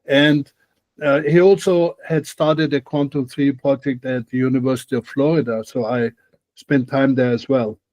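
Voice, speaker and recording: An older Austrian man with an Austrian accent answers interview questions thoughtfully as a guest expert on a video call from a home room, often restarting his sentences. His mid-range voice is steady in tone and a little mellow, at a moderate pace. The recording is dry.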